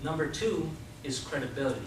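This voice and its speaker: A man's voice: a little high, lively intonation, fairly quick. A man giving an informal, persuasive sales presentation to a group, explaining his points directly to the listeners. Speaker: Toastmasters club speaker giving a sales talk. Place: indoor club meeting room with a live group. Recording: distant mic, very echoey room, clear noise.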